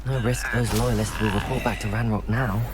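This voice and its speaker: Game hero man acting: young male wizard student, lowish voice, thoughtful and curious, over clearly noisy game ambience. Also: fairly even intonation, a little fast, close to an everyday voice. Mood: musing. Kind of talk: scripted video game acting.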